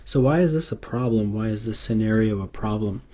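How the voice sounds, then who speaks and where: A man with a fairly low, warm voice moves briskly through an unscripted instructional lecture, a medical exam tutorial over slides. His delivery is hesitant, full of fillers and restarts.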